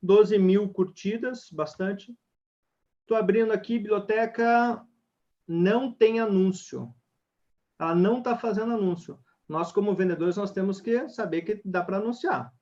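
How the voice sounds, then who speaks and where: High-voiced energetic man teaching sales. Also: measured pace. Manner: energetic, talks straight to the audience. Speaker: sales trainer. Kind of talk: online webinar talk. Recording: dull lo-fi webinar audio.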